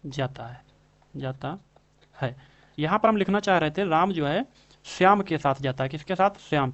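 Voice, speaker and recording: A young man with a slightly raised voice walks viewers through grammar practice questions. He repeats key terms slowly and keeps calling his audience friends. The delivery is patient and drawn-out, like a tutor going over answers one by one. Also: a little high, dull audio. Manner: repetitive, addresses viewers as friends, stretches out spelled words. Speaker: Hindi grammar teacher. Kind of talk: exam-prep lesson, explaining answers.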